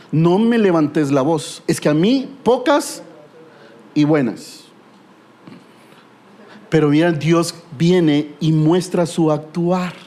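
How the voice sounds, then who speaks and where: A man's voice: on the high side, a little mellow. A middle-aged man preaching a sermon with a Guatemalan Spanish accent, telling stories with humor and rhetorical questions.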